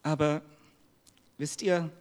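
A man's voice: a little high, fairly even intonation, slow. A middle-aged man preaching a sermon in earnest, personal tones, asking the congregation questions in a church hall. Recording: long hall reverb.

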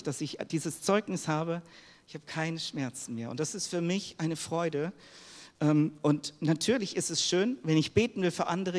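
A middle-aged man preaching a sermon in earnest, personal tones, asking the congregation questions in a church hall. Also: fairly high pitch. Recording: long hall reverb.

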